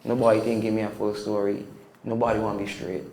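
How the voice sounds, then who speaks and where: Caribbean man, podcast guest, gravelly, roomy room, faint ambience; reflective and emphatic. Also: lowish voice, flat delivery, a little fast, darkish tone. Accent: Caribbean English. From Caribbean (Statia). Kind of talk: casual storytelling interview.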